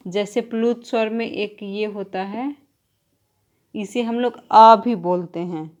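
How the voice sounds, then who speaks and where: Slow, deliberate woman teacher. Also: mid-range voice, fairly even intonation, darkish tone. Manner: slow, deliberate explaining, drawing out example sounds; writes on a board while teaching. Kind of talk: exam-prep grammar lesson.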